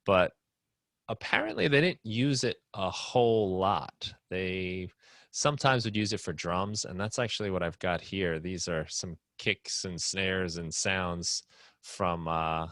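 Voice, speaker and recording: A man's voice: deep voice, a little slow, fairly bright tone, dry recording. A man hosting a live online music production class, explaining casually with many fillers and restarts.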